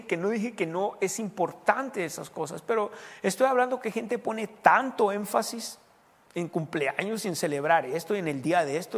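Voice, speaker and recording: Male pastor, high voice with gravel, animated sermon, reverberant church. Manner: animated preaching, mimics congregants' voices.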